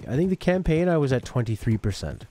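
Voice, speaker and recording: A man's voice: medium pitch, very animated, fast, mellow, soft background music. A man chatting casually while streaming a game, rambling and joking between plays. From outside the UK. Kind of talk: casual gameplay commentary.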